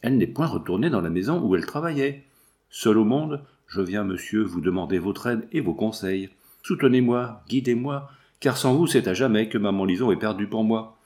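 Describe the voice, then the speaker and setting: Storybook: frightened pleading young woman, read by a low-voiced man, lively swings in pitch. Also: normal speed, lightly acted. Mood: distraught.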